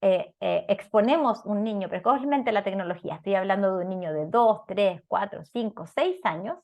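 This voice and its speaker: Speaking at a moderate pace, this woman has a medium-pitched, darkish voice and a Chilean Spanish accent. She lectures on parenting in an explanatory, didactic way. Short check-in questions come up frequently.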